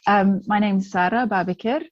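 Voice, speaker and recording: A woman's voice: medium pitch, moderate pace, no room sound, muffled recording. A woman, a coach, talking as a guest in a casual interview, chatty and candid with frequent ums and restarts. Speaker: guest, positive psychology coach.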